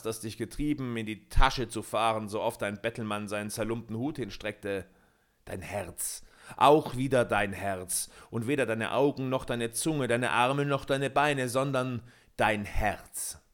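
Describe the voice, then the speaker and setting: A man's voice: on the low side, fairly bright tone, close to an everyday voice. A man doing a sly, mocking tempter. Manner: persuasive, scornful, slow and deliberate.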